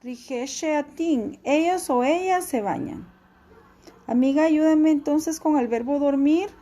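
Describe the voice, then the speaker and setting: Woman teacher, high pitch, slow patient delivery, repeats forms for class. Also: mellow. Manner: patient, repeats each form slowly for students. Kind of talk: classroom language lesson.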